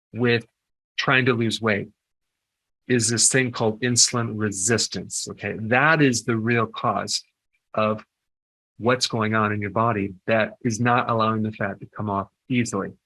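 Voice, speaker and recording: A man's voice: fairly low pitch, pushed and bright, rough recording. An older man, a health educator, giving advice in an informal talk and often stopping to ask "okay?". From United States. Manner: conversational, punctuates points with "okay?".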